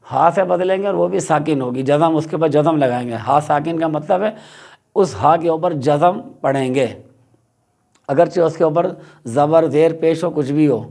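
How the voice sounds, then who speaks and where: A man teaching Quran recitation rules, explaining slowly and repeating example words. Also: a little high, vocal fry, mellow. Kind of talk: tajweed lesson.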